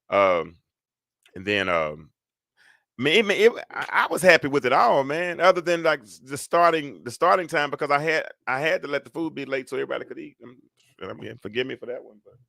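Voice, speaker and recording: Hosting a casual live stream, a man with a very low, heavy, gravelly voice that is also bright and forceful rambles and restarts, leaning on fillers as he thinks aloud. The recording is close and dry, with no room around it.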